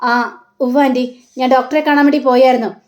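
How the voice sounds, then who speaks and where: A woman playing a frightened young daughter-in-law in a retold soap scene, answering in soft, halting phrases. Her voice stays high and small. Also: fairly even intonation, lightly acted. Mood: hesitant. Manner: hesitant, soft, pleading. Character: tearful young daughter-in-law under questioning.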